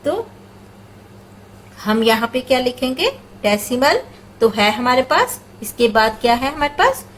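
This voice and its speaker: A woman's voice: high voice, very animated, unhurried, a little hiss or hum, poor audio. A woman teaching math, patiently walking through each step and answering her own questions, with number words mixed into her speech. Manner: patient, asks questions and answers them herself. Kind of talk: step-by-step classroom explanation.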